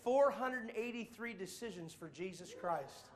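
A man preaching to a congregation, telling travel stories in a jokey, animated way with playful mock voices. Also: high-pitched, unhurried, very noisy. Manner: jokey, does voices and mock accents in quotes. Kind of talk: animated sermon storytelling.

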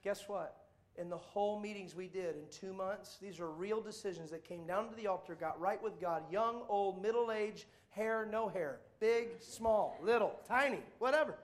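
High-voiced animated preacher man. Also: moderate pace. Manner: jokey, does voices and mock accents in quotes. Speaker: traveling evangelist preacher. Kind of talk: animated sermon storytelling.

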